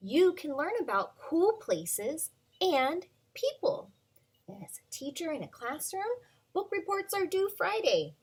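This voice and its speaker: Reading a picture book to kids, a woman in her thirties who teaches preschool uses an extremely high, very animated voice at an unhurried pace. She's gentle and sing-song, with many ums along the way.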